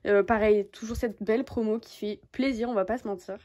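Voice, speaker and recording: A woman's voice: mid-range voice, fairly even intonation, a little fast, dark tone. A young woman chatting casually about books she bought, with frequent hesitations and restarts. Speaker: book YouTuber. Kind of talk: casual book haul chat.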